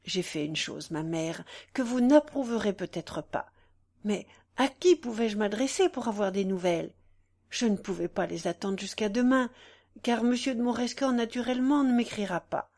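A woman's voice: on the high side, moderate pace, a little mellow. A woman reading the part of an anxious young married noblewoman who speaks curtly, with tense hesitation.

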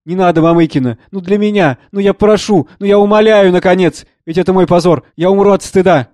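A man's voice: high-pitched, brisk, a little mellow, dry recording, natural voice. A man voicing a tearful, resentful middle-aged wife and mother who pleads and accuses. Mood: distraught.

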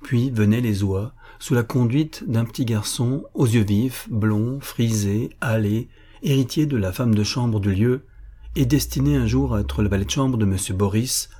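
Dark husky male storyteller. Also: mid-range voice. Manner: steady, measured reading. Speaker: audiobook narrator. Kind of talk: scripted narration of a classic novel.

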